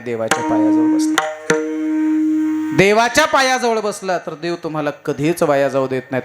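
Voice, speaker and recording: Lively man preaching a kirtan sermon. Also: a little high. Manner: lively, asks the crowd questions and coaxes answers; storytelling with acted dialogue and emphatic swings.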